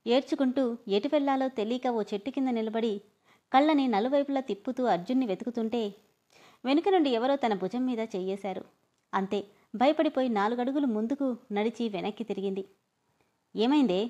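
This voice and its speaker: A woman storyteller reads a story aloud. Her narration is expressive and her voice sits fairly high. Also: brisk, dull audio.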